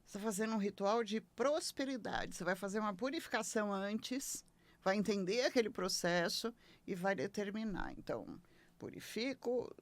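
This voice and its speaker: A woman with a Brazilian Portuguese accent hosting a late-night spiritual advice show, talking in an expressive, emphatic way with playful asides. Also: mid-range voice, normal speed, dry recording. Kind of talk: conversational spiritual teaching.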